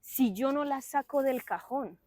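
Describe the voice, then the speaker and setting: A young adult woman giving a lively, chatty sermon at a church service, with playful asides and acted-out voices of her listeners. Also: high voice, measured pace, dry recording, studio quality.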